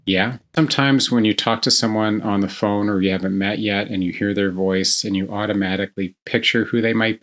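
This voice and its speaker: A man's voice: low-pitched, a bit bright. A man giving a writing tutorial, reading example scenes aloud and explaining how to improve them. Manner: reads example passages aloud, then explains. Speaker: writing instructor.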